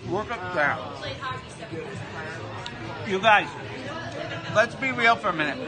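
An excitable man reviewing food in a busy bar, stumbling over his words and talking while chewing. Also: high voice, slow pace. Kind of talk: casual food review vlog. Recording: noisy bar with music and crowd. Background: music and crowd chatter.

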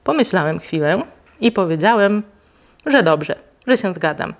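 A woman reading a children's book aloud in a lively, expressive way. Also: on the low side, unhurried. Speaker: reader.

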